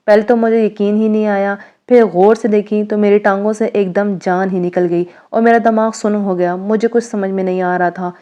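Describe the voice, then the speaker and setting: Brief: woman storyteller, earnest and cautionary, mellow warm voice. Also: medium pitch, fairly even intonation, few pauses, highs cut off. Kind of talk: first-person story narration.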